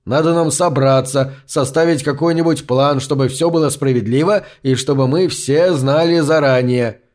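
A man voicing a huge, blustering fat man with a deep, booming voice in an audiobook. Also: moderate pace, a little mellow, lightly acted. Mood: grumbling. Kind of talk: audiobook narration.

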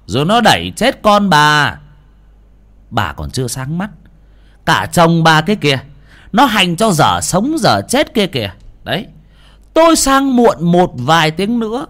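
Storyteller doing a brash ghost-hunter, sharp scolding, big pitch swings. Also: male voice. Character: hot-tempered young male exorcist.

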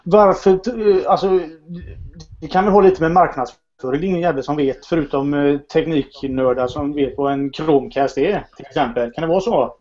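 A man's voice: fairly high pitch, a little mellow. A man co-hosting a casual podcast, laid-back and joking with crude asides. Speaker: podcast co-host. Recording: dull lo-fi podcast audio.

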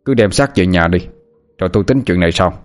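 A stern old village grandfather who presides over river rites, as a storyteller puts him on. His voice sits low and firm, grave and commanding, with soft music drifting behind. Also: expressive, fast. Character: elderly village grandfather, stern ritual master.

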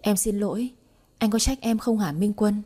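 A woman's voice: mid-range voice, normal speed, warm tone, lightly acted. A woman voicing a timid, frightened young woman who stammers and pleads, in an audiobook reading. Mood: pleading.

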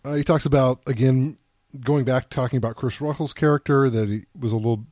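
A man co-hosting a casual film discussion, thinking aloud in a halting, hesitant way. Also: mid-range voice, steady tone, darkish tone, dry recording, studio quality. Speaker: podcast co-host.

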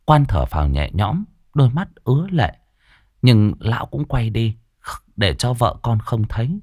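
A man's voice: fairly low pitch, breathy edge, dry recording, studio quality. A man narrating a horror folk tale in a dramatic storytelling style. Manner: animated, swooping delivery. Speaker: audiobook narrator.

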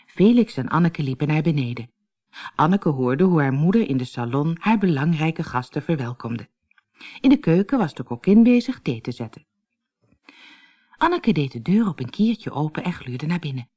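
A woman narrating a children's fairy tale in an expressive storybook reading. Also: low voice, moderate pace. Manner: expressive, lively.

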